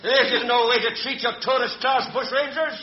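An actor playing a cheeky, defiant outlaw bushranger in a radio comedy sketch. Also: male voice, very high voice, fairly even intonation, moderate pace, a crowd in the background. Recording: muffled, echoey recording with audience.

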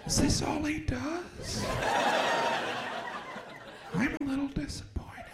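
Man doing a whispered role-play, snide male audience member, high hushed voice, roomy club echo, crowd laughter. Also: slow, gravelly, heavy background noise, heavily acted. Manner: mocking, snide muttering.

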